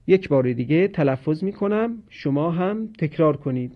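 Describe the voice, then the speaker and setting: A man teaching Quranic pronunciation in a slow, measured lesson, drawing out each example word as he recites it. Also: a little high, expressive, muffled recording.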